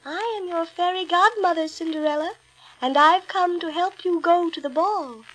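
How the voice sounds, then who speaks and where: A woman voicing a kind, stately fairy godmother in a storybook, speaking slowly and gently. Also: very high-pitched, pitched above the performer's own voice, low-quality recording. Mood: kindly. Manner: slow, gentle, measured.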